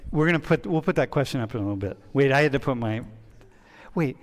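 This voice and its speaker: A man teaching a university class as a relaxed, chatty professor who keeps breaking off and restarting. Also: medium pitch, fast. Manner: chatty, interrupts himself often. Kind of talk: casual classroom discussion. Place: large lecture hall. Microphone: wireless mic. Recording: reverberant lecture hall.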